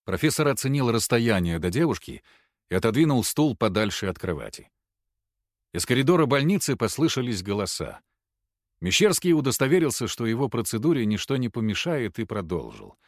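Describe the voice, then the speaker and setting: A man narrating a story in an expressive, scripted audiobook reading. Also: mid-range voice, fairly quick, no echo, studio quality.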